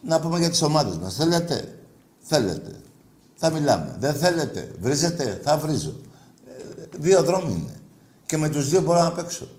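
A man hosting a sports call-in radio show, answering callers with gruff, clipped, teasing replies. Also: fairly high pitch, big pitch swings, darkish tone, roomy sound.

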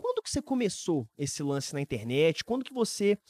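A man in his early twenties with a Brazilian Portuguese accent, hosting a podcast in casual, animated, slangy chat. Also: a little high, fairly quick, no echo. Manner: animated, informal, heavy use of slang. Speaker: podcast host.

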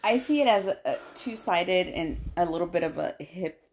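A woman co-hosting a casual podcast chat with her partner, talking in an animated way and laughing between remarks. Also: fairly low pitch, moderate pace, slight background noise. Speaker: podcast co-host.

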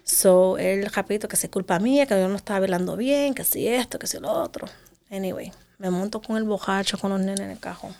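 This voice is a woman giving an emotional testimony in an interview. She talks fast, piling one detail on the next, and her voice often falls to a near whisper. Her pitch sits in the middle range. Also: a little mellow. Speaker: interview guest.

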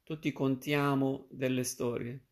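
A man's voice: medium pitch, flat delivery, unhurried, a little mellow, natural voice. A man reading the lines of a wry, evasive man who mutters, in his own voice. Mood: dry.

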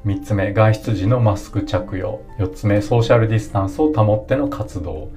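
A man hosting a solo podcast, explaining his points one by one in a calm, polite way. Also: lowish voice, moderate pace, soft background music. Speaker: podcast host.

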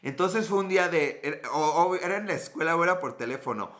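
Talking fast and animatedly, a man in his thirties with a Mexican Spanish accent hosts a joking live stream, reading out comments from the chat and swearing along the way. His voice is on the high side and a bit bright.

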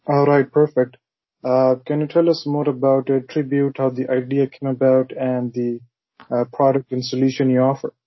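Flat-voiced man hosting an interview. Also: medium pitch, normal speed, dry recording. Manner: scripted intro with hesitant fillers. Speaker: podcast host. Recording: dry, dull lo-fi audio.

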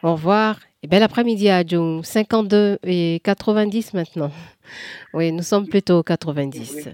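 A woman's voice: on the low side, normal speed, darkish tone, no room sound, studio quality. A woman hosting a radio call-in show, taking calls and asking short follow-up questions.

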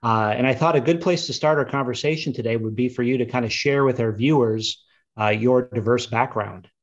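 A man's voice: mid-range voice, lo-fi sound. A man hosting an interview show, introducing his guest and asking her questions with occasional fillers. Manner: friendly, measured interviewer with fillers. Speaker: podcast host.

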